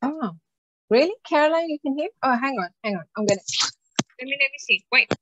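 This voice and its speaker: Bright high-voiced woman hosting, dull call audio. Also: expressive, fairly quick, dry recording. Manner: effusive, chatty, jumps between thoughts. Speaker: host of an online business networking call. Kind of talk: casual chat, informal hosting. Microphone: video call microphone.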